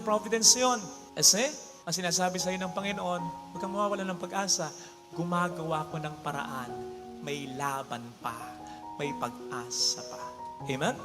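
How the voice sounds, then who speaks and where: Priest guy preaching, really high voice, booming hall echo, soft music in back. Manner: animated, swings between loud exclamations and hushed lines, mixes English into Tagalog. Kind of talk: sermon with storytelling. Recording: long hall reverb with faint music behind.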